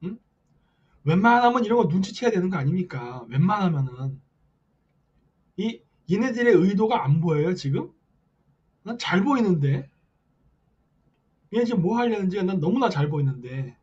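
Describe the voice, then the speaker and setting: Lively high-voiced man hectoring his viewers. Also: normal speed, long pauses, husky, highs cut off. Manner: hectoring rhetorical questions with repeated "eh?" tags; reads viewer comments aloud. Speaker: live-stream host. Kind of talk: late-night political commentary stream.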